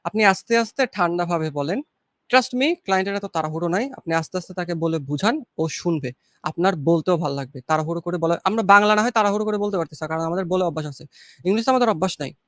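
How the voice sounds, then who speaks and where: High-voiced Bangladeshi man, dry close sound. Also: no echo. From Chittagong, Bangladesh. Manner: relaxed, encouraging, unhurried. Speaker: guest graphic designer. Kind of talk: casual advice talk.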